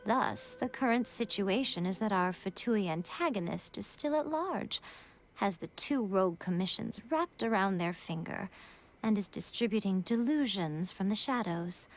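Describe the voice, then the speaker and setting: A woman's voice: medium pitch, close to an everyday voice. Yae Miko, sly composed shrine priestess, played by a woman. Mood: calm scheming. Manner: teasing, measured, knowing. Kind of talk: video game cutscene voice acting. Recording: music under the voice.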